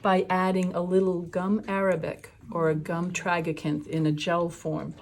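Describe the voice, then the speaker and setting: A woman's voice: lowish voice, level tone, normal speed, darkish tone, a little hiss or hum. A woman teaching a watercolor class, talking through each step as she paints. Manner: chatty, explains steps while painting. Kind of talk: live class demonstration.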